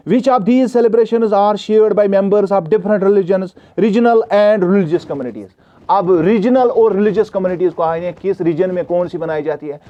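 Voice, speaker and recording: A man from Kashmir teaches a revision lesson in a slightly high voice, recorded with dull audio. He often checks whether students are following and reads English questions aloud slowly.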